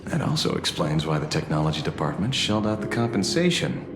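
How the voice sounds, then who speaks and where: A deep-voiced, sardonic detective. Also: male voice, very animated, reverberant, background noise. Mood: wry, brooding. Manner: sardonic, dramatic, deliberate delivery. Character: jaded, defiant male detective, gruff and sardonic. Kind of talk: dramatic game voice acting.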